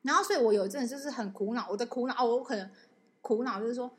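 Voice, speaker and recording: A young woman talks in a fairly high voice, racing along as she tells a story in casual podcast chat. She acts out what others said to her and keeps it lively. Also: rapid-fire. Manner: animated storytelling, acting out quoted voices. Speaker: podcast co-host.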